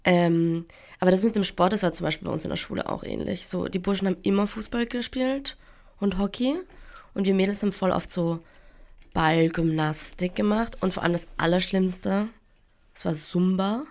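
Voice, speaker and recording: Gravelly-voiced teenage girl. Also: fairly low pitch, normal speed, darkish tone. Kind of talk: casual chat.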